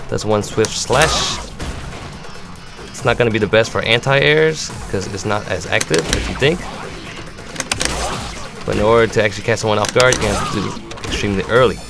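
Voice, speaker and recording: Over background music, a man with a lowish voice and vocal fry explains fighting game moves step by step. He's a competitive gamer giving instructional commentary.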